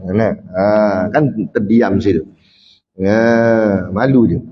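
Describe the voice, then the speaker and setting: A man with a Malay accent giving a religious lecture in an animated way, acting out quoted speech and often tagging his points with "ha" and "kan". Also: fairly low pitch, takes it slowly, a little hiss or hum. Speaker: preacher. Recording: echoey hall, dull lo-fi sound.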